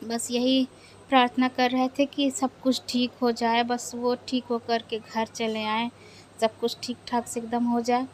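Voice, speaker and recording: A young woman vlogger, quietly and sadly recounting a family loss with hesitant pauses. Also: a little high, flat delivery, slight background noise. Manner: sad, subdued, hesitant retelling of a family loss. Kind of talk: personal vlog storytelling.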